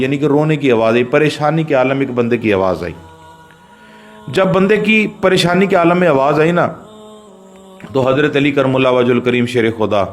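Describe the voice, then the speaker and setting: A man with a Pakistani Urdu accent delivers a storytelling sermon in a fairly high voice. He speaks straight to his listeners, sinking into quiet murmurs and then lifting into raised, emphatic phrases. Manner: narrates a religious story, shifting between low murmurs and raised emphatic lines; addresses listeners directly. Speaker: pir preaching a religious sermon.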